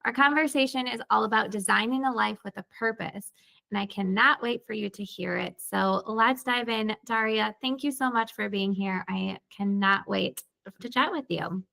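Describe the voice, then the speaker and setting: A woman's voice: medium pitch, normal speed, creaky, sharp tone. A woman hosting a podcast interview, upbeat and eager, laughing often. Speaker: podcast host.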